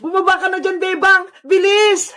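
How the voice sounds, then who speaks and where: Brief: extremely high cartoon voice, frantic, shouting for help. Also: steady tone, normal speed. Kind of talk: cartoon voice acting.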